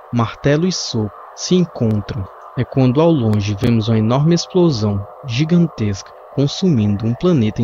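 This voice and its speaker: Man narrating a comic, warm voice. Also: mid-range voice, slight background noise. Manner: steady storytelling, describing panels. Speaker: comic book reader. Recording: muffled lo-fi with faint music.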